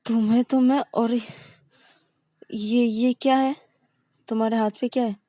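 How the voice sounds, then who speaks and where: A woman's voice: very high voice, a little fast, darkish tone, no room sound, voice pushed up. A woman voicing an angry young woman who scolds sharply.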